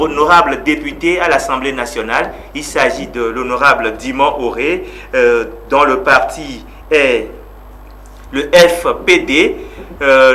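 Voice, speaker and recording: A man hosting a television interview, speaking in a measured, formal way whose phrases trail off quietly. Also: mid-range voice, a little hiss or hum. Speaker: TV host.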